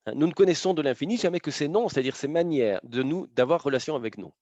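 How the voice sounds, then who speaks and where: A man lectures an audience in a dry, close-sounding space with a slightly dull, lo-fi tone. His voice sits at a middle pitch. He walks through his points step by step, checking in with quick tags. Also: animated, a little mellow, no room sound. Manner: explanatory, punctuated by frequent tag questions.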